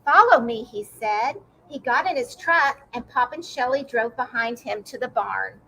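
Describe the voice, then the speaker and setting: High-voiced woman reading a storybook. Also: unhurried, gravelly, bright, forceful tone, a little hiss or hum, rough recording. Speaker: reader. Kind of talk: reading a children's book aloud.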